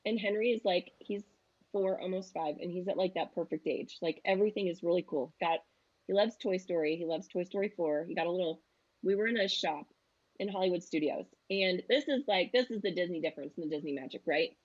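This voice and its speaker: A woman's voice: lowish voice, a little fast, a little mellow, highs cut off. Chatty woman guest telling stories. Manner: chatty storyteller who acts out quotes. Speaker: travel agent guest. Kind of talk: casual chat.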